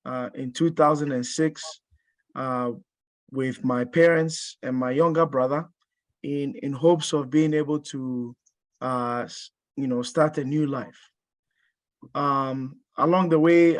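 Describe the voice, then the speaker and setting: A Ghana-born strength and conditioning coach in his thirties gives a webinar presentation in a medium-pitched voice with no room sound. His delivery is hesitant, full of fillers and restarts.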